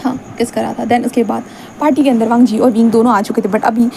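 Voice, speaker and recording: Fast-talking woman narrating a fan story. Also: fairly high pitch, fairly even intonation, gravelly, dark tone, a little hiss or hum, poor audio. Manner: chatty, mixes English words, acts out dialogue lightly.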